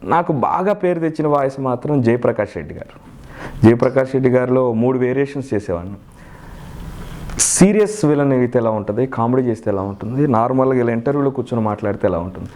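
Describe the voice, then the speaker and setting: A young man, a mimicry artist, talking in a casual interview, earnest and lively, now and then breaking into loud high impressions. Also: fast talker.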